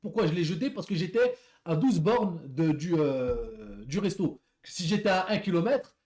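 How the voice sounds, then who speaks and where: Man, delivery rider, fairly high voice, casual rambling storytelling, repeats words. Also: lively intonation, normal speed, a little mellow. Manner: rambling, repeats words, talks to viewers as friends.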